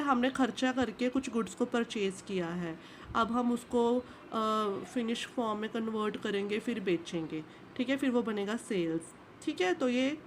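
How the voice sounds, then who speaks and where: A woman's voice: a little high, gravelly, slight background noise. A woman teaching commerce in an online lesson, patiently explaining step by step and often checking in with the listener.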